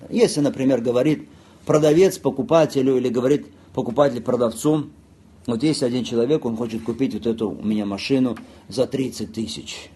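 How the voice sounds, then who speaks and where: A man's voice: mid-range voice, fairly quick, warm tone, breathy edge. A man teaching a lesson on Islamic commercial law, walking through worked examples, repeating key phrases and asking the listeners rhetorical questions. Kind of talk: lecture on Islamic jurisprudence.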